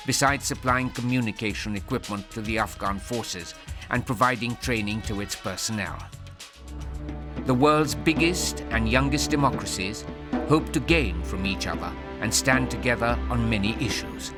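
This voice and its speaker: Man narrating over music. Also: medium pitch. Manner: measured, even news-style reading. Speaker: documentary narrator. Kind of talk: scripted narration.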